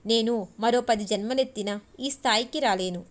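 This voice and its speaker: A woman voicing a shy, eager young female office worker in a novel reading, speaking softly and hesitantly. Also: fairly high pitch, moderate pace, close to an everyday voice. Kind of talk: audiobook character reading.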